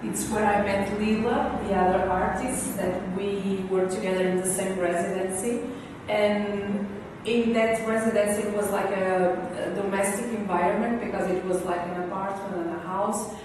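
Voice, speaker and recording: A native Portuguese woman with a Portuguese accent giving informal, thoughtful interview answers as an artist, pausing to find her words. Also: medium pitch, fairly even intonation. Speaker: visual and performance artist being interviewed. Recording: echoey hall, distant mic, faint noise.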